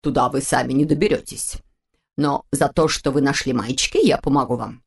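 A woman voicing a grumpy male stork nearly a hundred years old, who talks slowly and gruffly. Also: extremely low pitch, fairly even intonation, pitched below the performer's own voice, exaggerated voice. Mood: friendly.

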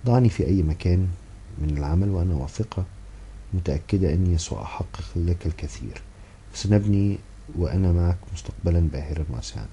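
A man's voice: deep voice, animated, fast, warm tone, a little hiss or hum. A man reading the lines of an insistent young wife who protests in a raised voice. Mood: eager.

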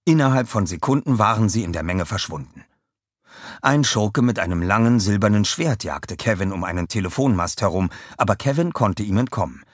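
A man reading a children's audiobook aloud with expressive storytelling narration. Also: fairly low pitch, a little fast, no echo, studio quality.

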